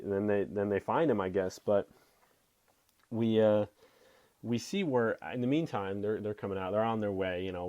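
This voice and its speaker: A man's voice: fairly low pitch, mellow, dry recording. A man casually recapping a cartoon episode as a podcast host, rambling along with lots of fillers and restarts.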